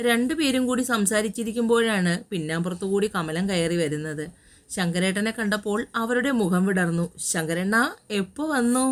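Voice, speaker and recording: A woman narrating a romantic audio story in a calm, steady reading voice. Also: medium pitch, normal speed.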